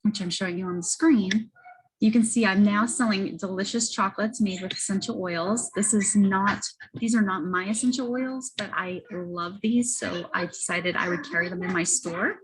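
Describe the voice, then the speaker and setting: A woman giving a casual, halting product testimonial as a host, often correcting herself as she goes. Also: medium pitch, low-quality recording. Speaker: host presenting wellness products. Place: library children's area. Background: children and banging in background.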